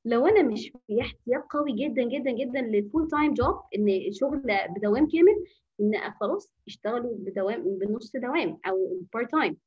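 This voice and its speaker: A woman's voice: on the high side, quick pace, husky, dull audio. A woman teacher with an Egyptian Arabic accent giving an informal anger-management workshop. She coaches her listeners, asks rhetorical questions and answers them herself, and drops in English phrases. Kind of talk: informal online workshop talk.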